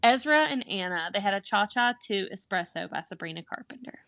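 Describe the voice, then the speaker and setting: A young woman co-hosts a podcast in a relaxed, agreeable chatting style. Her voice is bright and forward. The sound is dry, with no room echo. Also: medium pitch, a little fast. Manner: relaxed, agreeable, frequent laughs and backchannels. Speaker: podcast co-host. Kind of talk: casual chat recap.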